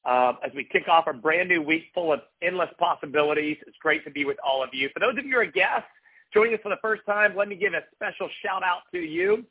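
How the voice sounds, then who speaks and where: A man's voice: high-pitched, lively intonation, fast, creaky, breathy edge. Upbeat corporate man on a phone line. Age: middle-aged. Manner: polished corporate enthusiasm, upbeat and emphatic. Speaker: company executive addressing distributors. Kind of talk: motivational business talk. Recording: thin, muffled telephone line.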